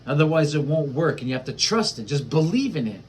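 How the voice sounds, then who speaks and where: A man's voice: fairly high pitch, sing-song, brisk, a little mellow, slight background noise. A man talking casually and at length about spiritual experiences, rambling with many fillers and restarts. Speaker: spiritual vlogger.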